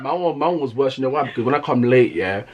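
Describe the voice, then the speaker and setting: A young man, telling family stories in a casual chat, animated and often laughing. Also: mid-range voice, fast talker, highs cut off. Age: young adult. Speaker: guest, family member.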